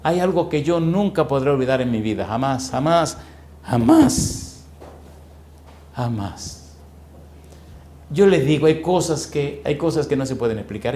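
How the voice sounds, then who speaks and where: A man's voice: medium pitch, darkish tone, roomy sound, slight background noise. A male pastor, preaching a storytelling sermon and putting rhetorical questions to his congregation. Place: church.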